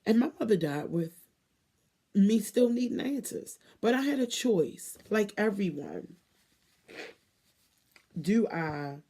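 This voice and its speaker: Mellow, dark-voiced woman speaking candidly. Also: on the low side. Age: 30s. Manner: candid, swearing, emphatic pauses. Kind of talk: personal emotional monologue.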